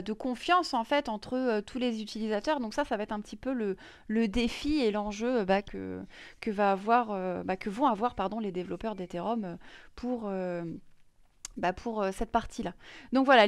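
A woman's voice: mid-range voice, smooth, dry recording, clean studio sound. Chatty woman explaining crypto news. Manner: many fillers and restarts, chatty. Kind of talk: casual screen-share explainer.

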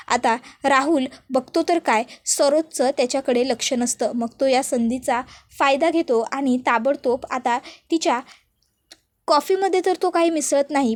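High-voiced woman retelling a TV serial. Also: dry recording. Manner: acts out quoted dialogue in changing voices. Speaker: episode recap narrator.

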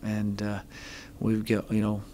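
A middle-aged man, a head football coach, answering reporters at a postgame press conference, halting, with many ums and restarts. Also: fairly low pitch, monotone, warm tone. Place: press conference room, seated at table. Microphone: table mic in front.

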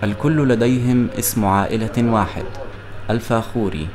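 A man reading a scripted documentary narration in formal standard Arabic, measured and even. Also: on the low side, a crowd in the background.

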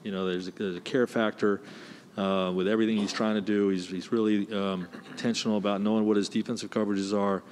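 A man in his forties, a basketball head coach, answering press questions in a measured way with many "you know" fillers, on a desk mic in a press room. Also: lowish voice, flat delivery, darkish tone, a little hiss or hum. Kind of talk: postgame press conference answers. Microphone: desk mic, close.

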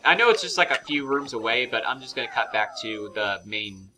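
A man's voice: medium pitch, animated, a little fast, bright, forceful tone, poor audio. A man giving casual, rambling game commentary, with fillers and self-corrections. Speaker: let's play commentator.

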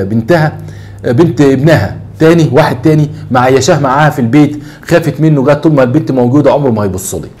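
A rapid-fire man with an Egyptian accent tells a case story as a talk show host. His voice sits a little high for a man. He keeps throwing rhetorical questions and repeating his points for emphasis. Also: a little mellow. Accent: Egyptian Arabic. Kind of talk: storytelling monologue on a social case.

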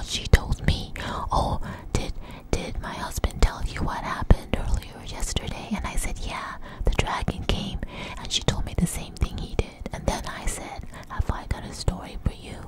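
For ASMR, a woman shares an informal story in a breathy, intimate whisper right up against the mic, speaking conversationally. The audio quality is poor.

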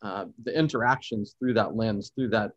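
A man's voice: on the low side, normal speed, highs cut off. A man, a podcast guest, telling reflective stories about travel, teaching and photography in an expansive, thoughtful way. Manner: thoughtful, expansive, speaks of cultural experiences warmly. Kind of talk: reflective storytelling in conversation.

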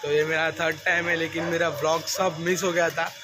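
A young man chatting casually to his phone camera as a vlogger, in a relaxed, chatty way. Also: a little high, a little fast, background noise. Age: young adult. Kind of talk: casual vlog talk. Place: night street market outdoors, then indoors at home. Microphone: phone camera at arm's length.

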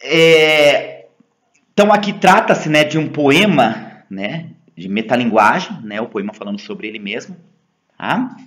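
Brazilian male teacher, lively and animated intonation, chatty classroom explanations peppered with "né?". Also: medium pitch, measured pace. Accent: Brazilian Portuguese. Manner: tags sentences with "né?" and "tá?", conversational. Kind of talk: explaining poems in a lesson.

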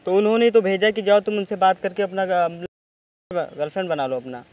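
A man's voice: high voice, steady tone, brisk, darkish tone. Teasing young man with a lilt. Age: young adult. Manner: teasing, cajoling, pleading. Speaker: prank video host. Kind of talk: casual street prank banter. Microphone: hidden camera at a distance.

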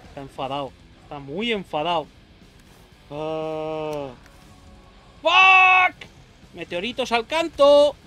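A man's voice: high-pitched, big pitch swings, a little fast. A man from giving frantic gameplay commentary, swearing, yelping and talking to himself during a boss fight. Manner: frantic, swearing, yelps and self-talk while fighting a boss. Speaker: gaming youtuber. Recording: faint game music behind.

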